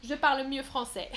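Woman, high voice, French teacher, live-stream lesson, patient explanations, frequent fillers. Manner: patient, explains slowly with examples and frequent "euh"; playful, laughs at her own mistakes. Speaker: French teacher answering chat questions.

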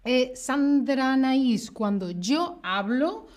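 Woman from southern spain doing a live spanish class, neutral castilian accent, playful and animated, bit higher voice. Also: slow. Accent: neutral Castilian Spanish, softened southern Spain. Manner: animated, playful, reads chat aloud. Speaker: Spanish teacher streaming live. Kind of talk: live-streamed language lesson.

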